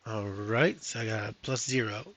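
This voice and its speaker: A man's voice: lowish voice, steady tone, moderate pace, a bit bright. A man streaming a solo tabletop game, reading rules and chatting casually to viewers, thinking aloud with many fillers. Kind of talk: casual live-stream chat.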